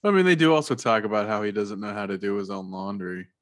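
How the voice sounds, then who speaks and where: A man's voice: lowish voice, quick pace, fairly bright tone. A man appearing as a comedian guest on a podcast, riffing on a movie, swearing casually.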